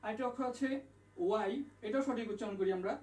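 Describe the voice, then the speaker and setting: In an online lesson, an English tutor with a high-sitting, darkish voice talks fast while patiently repeating and spelling out each letter sound. Sound comes from a distant mic in an echoey room.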